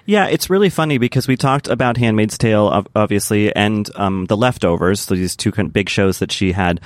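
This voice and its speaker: A man's voice: lowish voice, fairly quick. A man hosting a podcast, interviewing casually in rambling, hesitant phrases full of asides.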